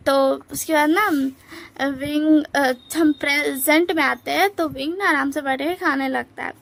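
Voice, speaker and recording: A woman storyteller with a high voice, narrating a made-up story in a casual, chatty way. She stops for fillers and little asides to the listener. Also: steady tone, measured pace, vocal fry, fairly bright tone.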